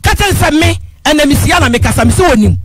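High-pitched, pleading woman caller. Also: lively intonation, quick pace, faint music behind. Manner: pleading, insistent, repeatedly addresses the host as father. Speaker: radio call-in caller. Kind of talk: impassioned phone-in complaint.

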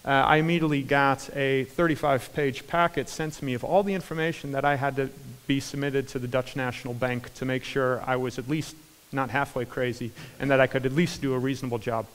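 On a large conference hall stage, an American man in his forties delivers an energetic keynote, full of fillers and restarts. His mid-range voice runs a little fast, and the big room adds hall reverb.

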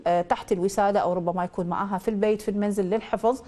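Rapid-fire Iraqi woman astrologer. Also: mid-range voice, fairly even intonation, mellow. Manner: probing questions, then confident pronouncements. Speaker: astrologer host. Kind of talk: call-in astrology reading.

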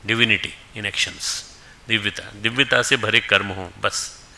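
A man's voice: fairly low pitch, slow pace, pushed and bright, a little hiss or hum. A man giving an emphatic spiritual discourse to students, mixing in English phrases and calling people forward from the audience. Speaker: spiritual teacher.

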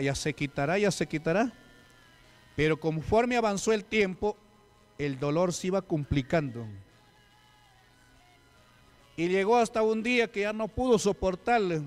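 Male preacher, fairly high voice, storytelling sermon, faint music underneath. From Peru. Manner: storytelling with acted quotes and questions to the congregation.

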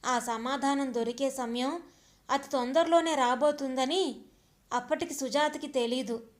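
A woman narrating an audio story in an expressive, reflective way, posing rhetorical questions. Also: high-pitched, measured pace.

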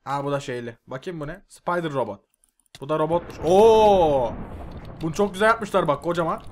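A young man giving loud, excitable gameplay commentary, swearing and yelling at the mobs on screen. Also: a little high, brisk, slight background noise. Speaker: gaming YouTuber. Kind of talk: Minecraft mod review commentary.

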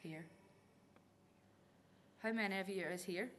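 A woman's voice: medium pitch, a little slow. A young woman with a Northern Irish accent presenting a casual paranormal investigation outdoors, recorded on a camera a few steps away. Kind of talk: casual ghost-hunt vlog, calling out to spirits. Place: outdoor stone ruins at night. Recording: clearly noisy handheld outdoor camera audio.

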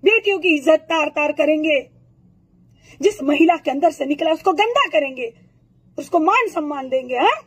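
A woman with a worn, hoarse throat rants at the camera in a high, strained voice. She is furious and accusatory, firing insults and rhetorical questions one after another. It is a raw, impassioned political outburst. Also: animated, normal speed, rough recording.

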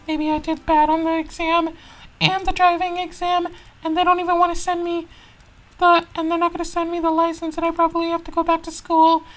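A woman plays Mario, a jittery young racer who stammers and repeats himself over and over. His voice sits very high, and he frets aloud in a fan-made toy video. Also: monotone, brisk, fairly bright tone. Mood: nervous.

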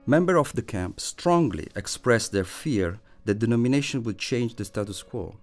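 A man reading a scripted, measured narration as a voice-over. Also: mid-range voice, lively intonation. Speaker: presenter. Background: faint music.

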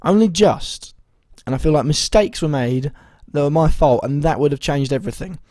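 Mellow, slightly hoarse young man. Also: a little high, normal speed, dry recording. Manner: rambling, hesitant, full of ums and self-corrections. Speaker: fantasy football vlogger. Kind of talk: casual video commentary.

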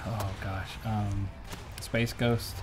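A man co-hosting a casual gameplay reaction, mostly low-key but bursting into shouts. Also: flat delivery, very slow, background noise.

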